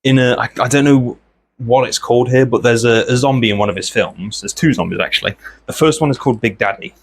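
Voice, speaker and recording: A man, host of an art channel, chatting casually and meandering from thought to thought while he works, often clearing his throat. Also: mid-range voice, fast.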